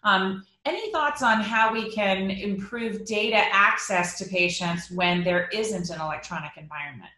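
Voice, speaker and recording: A woman's voice: mid-range voice, normal speed, hardly any pauses, bright, forceful tone. A woman moderating a panel over a video call from a home office, asking questions with many fillers. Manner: polite, filler-laden questions. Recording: echoey room.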